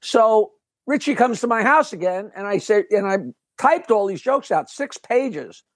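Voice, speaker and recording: An older male comedian with a fairly high-pitched voice tells stories in a loose, rambling way, laughing and restarting mid-sentence. He is recorded close and dry, with no room sound. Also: unhurried, no room sound. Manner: lively, rambling storyteller who breaks off and restarts with a laugh. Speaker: guest comedian. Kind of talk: casual storytelling interview.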